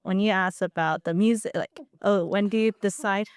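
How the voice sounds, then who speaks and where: Brief: woman co-host, thoughtful and reflective, mid pitch, smooth clear voice, dry studio sound. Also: moderate pace, no echo. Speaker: podcast co-host. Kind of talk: casual podcast chat. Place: podcast studio.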